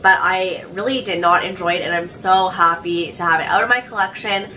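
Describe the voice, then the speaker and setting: A woman's voice: on the low side, a little fast, bright, forceful tone, distant mic, a little hiss or hum, rough recording. A young woman chatting casually as a beauty vlogger, sounding a little sick with a cold and saying "like" a lot. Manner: chatty, says "like" often. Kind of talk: casual chat.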